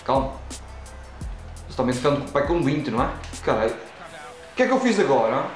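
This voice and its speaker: A man with a European Portuguese accent, playing a football video game and reacting loudly to each play as he talks at it. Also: medium pitch, a little fast, echoey room, soft background music, poor audio. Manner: excitable, talks at the game and the referee, frequent exclamations. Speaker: gaming channel host.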